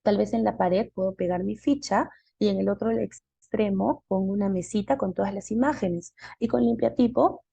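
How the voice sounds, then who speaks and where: A woman's voice: mid-range voice, moderate pace, gravelly, hardly any pauses, warm tone, breathy edge, no room sound, highs cut off. A woman giving a live online class, explaining step by step and posing questions she then answers herself. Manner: explanatory, asks and answers her own questions.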